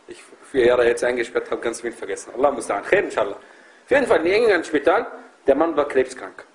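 A man's voice: mid-range voice, lively intonation, fast talker, rough recording. A man preaching passionately to a group of brothers, emphatic and full of rhetorical questions. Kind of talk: impassioned religious talk.

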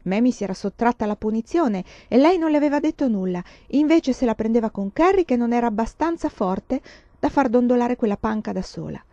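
A woman narrating a storybook with an expressive, dramatic reading. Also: a little high, fairly quick, dry recording. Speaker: audiobook reader. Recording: dull, dry lo-fi recording.

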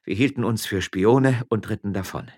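A man's voice: on the low side, normal speed, a little mellow, breathy edge, pitched above the performer's own voice. A man voicing a proud, fiery young miller's wife who speaks firmly and indignantly. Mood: urgent.

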